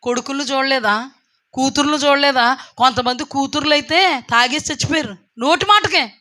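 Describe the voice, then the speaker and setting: A woman delivers a sermon in a high, bright voice. She is emphatic, rising to loud exclaims, then dropping into quiet asides. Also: moderate pace. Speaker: preacher.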